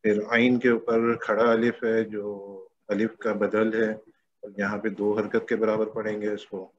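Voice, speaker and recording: A man's voice: fairly low pitch, flat delivery. A man answering in an online recitation class, listing the rules methodically over a dull, lo-fi call. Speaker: student. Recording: dull lo-fi call with faint noise.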